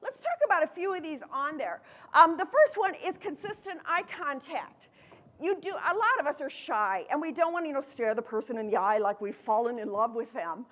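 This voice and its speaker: A middle-aged American woman with a lively, playful manner, giving a motivational keynote talk to students. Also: high voice, normal speed. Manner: lively, playful, acts out quoted voices. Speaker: motivational speaker. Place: large events hall.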